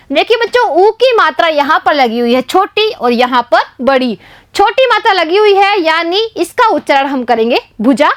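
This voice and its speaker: A woman teaching a Hindi spelling lesson to young children, slowly and patiently sounding out each letter, with a Rajasthani Hindi accent. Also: sits high, a bit bright, no echo. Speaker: primary school teacher.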